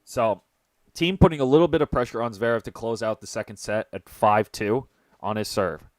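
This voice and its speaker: Young male streamer, low dry voice, casual excitable play-by-play from home. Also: normal speed, no echo. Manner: chatty, excitable, jokes with people off mic. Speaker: tennis commentator and host. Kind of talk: casual live-stream commentary.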